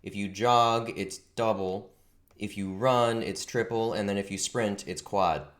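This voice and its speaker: A man's voice: on the low side, fairly even intonation, unhurried. A young man narrating as game master, casually explaining rules and laughing easily.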